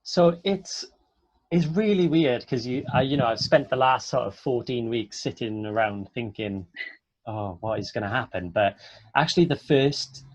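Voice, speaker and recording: With no echo in the recording, a Welsh-accented man from south Wales, an actor, speaks at a moderate pace and medium pitch. He chats earnestly and encouragingly, handing out informal advice to students over a close, dry online webinar.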